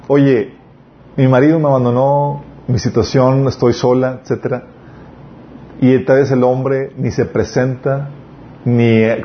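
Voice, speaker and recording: A man preaching an earnest sermon at a mid pitch, reading scripture aloud. He often breaks off and restarts words, then presses his points with emphasis. The recording is dull and lo-fi, with a faint hiss behind him.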